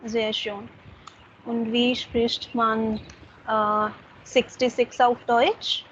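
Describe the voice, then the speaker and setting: A woman tutors German over a video call, her voice a touch high. She is patient and switches between German and English. The line is muffled, with faint hiss behind. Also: level tone, very slow. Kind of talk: online tutoring session.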